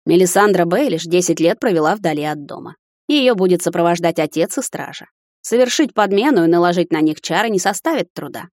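A woman voicing a cold, imperious middle-aged high witch who speaks calmly and sternly. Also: brisk, dry recording, clean studio sound, close to an everyday voice. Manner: calm, stern, commanding.

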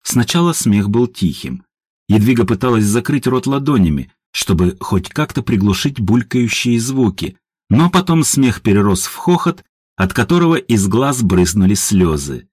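A man narrating an audiobook in an expressive, animated reading voice. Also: lowish voice, normal speed, husky.

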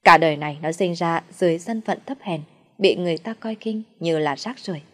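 A woman storyteller narrating a dark folk tale in a steady, even voice. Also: lowish voice, brisk.

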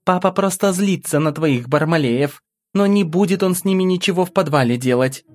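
A man doing a soft-voiced soothing countess. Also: sits high, fairly quick, no room sound, pitched above the performer's own voice, natural voice. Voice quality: soft, calming. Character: gentle soothing noble countess, a mother.

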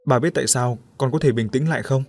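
A man's voice: mid-range voice, fast, gravelly, a little mellow, no room sound. A hurt young woman speaks tearfully and bitterly in a storybook tale, as a man reads her lines. The sound is dry and close.

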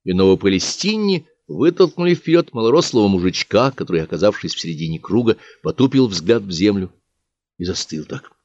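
A man reading an audiobook in a measured, expressive storytelling manner. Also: fairly low pitch, slight background noise. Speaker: audiobook reader. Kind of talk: audiobook narration. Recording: dry, slightly dull audiobook recording.

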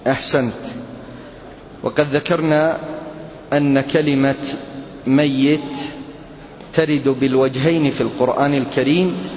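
A man teaching a classroom Quran lesson, speaking slowly and deliberately and putting questions to his students. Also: medium pitch, steady tone, a little mellow. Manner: slow, deliberate, quizzing students. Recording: lo-fi echoey hall recording with faint hiss.

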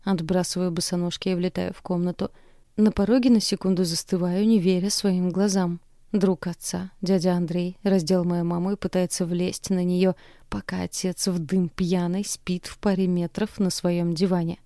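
Low dark-voiced woman reading an audiobook. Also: level tone, moderate pace, dry recording, clean studio sound. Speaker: audiobook narrator. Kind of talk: scripted first-person audiobook narration.

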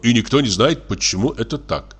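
A man reading a play aloud, voicing a reflective middle-aged army officer who muses slowly about life. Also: mid-range voice, expressive, husky. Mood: musing.

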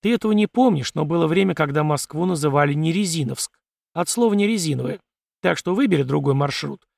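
A gruff, sardonic survivor giving curt orders with dry mockery, as a male reader plays him. The voice is gravelly and a bit high for a man, recorded close and dry with no room sound. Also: lively intonation, quick pace, a little mellow, no echo. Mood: lecturing. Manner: dry, bossy, mocking.

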